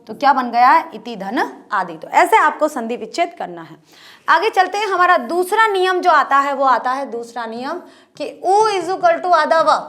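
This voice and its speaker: A woman's voice: sits high, a bit bright. A woman teacher explaining a grammar lesson step by step, often repeating points as rhetorical questions. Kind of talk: Hindi grammar lesson at a board.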